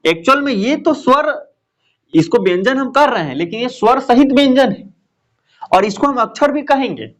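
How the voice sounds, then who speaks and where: A man's voice: very high-pitched, animated, moderate pace. A man teaching a Hindi grammar lesson, asking questions and answering them himself, with lots of repetition. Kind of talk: classroom lesson explaining grammar.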